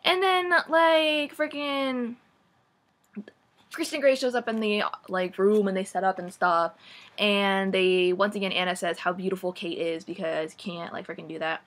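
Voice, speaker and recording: A woman's voice: mid-range voice, steady tone, normal speed. A young woman in her twenties giving a casual, comic book-review rant, sarcastic and swearing freely, with lots of "like" and dramatic groans. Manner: gushing then mocking, dramatic sighs and groans.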